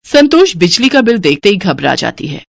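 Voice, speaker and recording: A woman's voice: mid-range voice, very animated, moderate pace, gravelly. A woman narrating a cartoon family story in a plain storytelling manner. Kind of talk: scripted narration.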